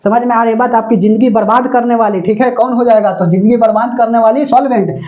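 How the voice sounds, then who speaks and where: Male chemistry teacher, very high pitch, dull lo-fi recording, keeps asking the class questions. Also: fast. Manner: constantly quizzes students with rhetorical questions; relaxed, joking everyday examples. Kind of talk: classroom lecture.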